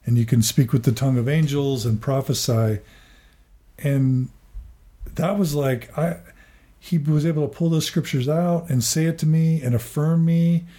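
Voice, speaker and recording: Earnest mellow-voiced man, halting restarts. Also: on the high side, steady tone. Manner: earnest, halting, many restarts and repeated words. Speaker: therapist and podcaster. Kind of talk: personal reflective interview.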